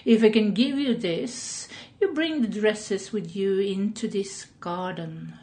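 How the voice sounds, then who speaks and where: A woman voicing a kindly old wise woman with a squeaky voice who speaks gently and soothingly in a spoken fairy tale. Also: slow pace.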